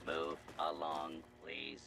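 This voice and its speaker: An actor playing a stern male office security robot through a robotic filter, giving flat, clipped commands. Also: a bass voice, slow pace, vocal fry, noisy background, heavily acted.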